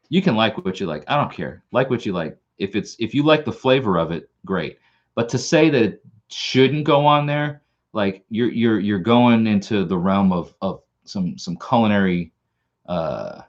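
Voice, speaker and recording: On dull audio, a man whose voice runs on the low side hosts a casual live stream. He hails from Long Island, New York, speaks with its accent, and rambles, often restarting and repeating words.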